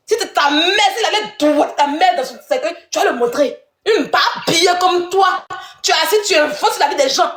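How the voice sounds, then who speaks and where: A woman with a high voice tears into someone in a heated live-stream rant. Her tone is accusatory and scornful, laced with mocking laughter. The sound is roomy, with a clear echo around her voice. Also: fairly bright tone.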